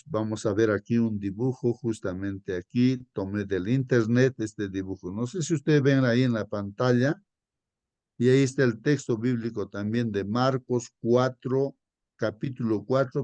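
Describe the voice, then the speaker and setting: A man leading a Bible study for his congregation in a conversational way, repeatedly addressing them as brothers and reading verses slowly and deliberately. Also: mid-range voice, warm tone, dry recording, muffled recording. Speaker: Sabbath school lesson leader.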